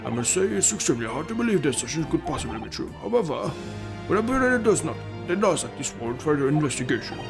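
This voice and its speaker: Guy putting on a fast, sing-song old judge, stern and doubtful, game fan dub. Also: fairly high pitch, very animated, music in the background. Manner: formal, ponderous court speech.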